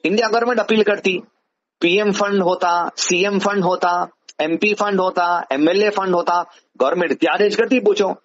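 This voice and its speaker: On a dull, lo-fi phone call recording, a man with a Hyderabadi accent acts as an advisor answering a caller, explaining things didactically and often posing rhetorical questions. His voice is high-pitched and a bit bright, with fairly even intonation and normal speed.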